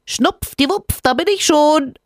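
A woman voicing a tiny, cheerful male cold creature in a storybook reading, in a very high, squeaky voice. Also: a little slow, dry recording, studio quality.

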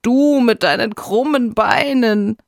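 A man voicing a haughty, sneering male hare in a loud, mocking, high-pitched voice. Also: takes it slowly, gravelly, no echo, studio quality, full character voice.

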